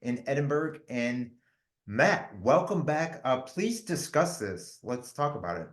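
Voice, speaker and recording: A man's voice: medium pitch, sing-song, unhurried. Podcast host man in an echoey room. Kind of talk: casual podcast interview.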